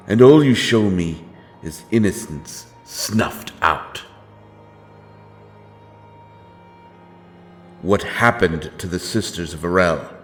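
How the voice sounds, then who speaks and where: In a dark fantasy audio drama, a man with a low voice plays a grim, righteous wandering avenger. He speaks solemnly and deliberately in archaic language, sounding grim and appalled.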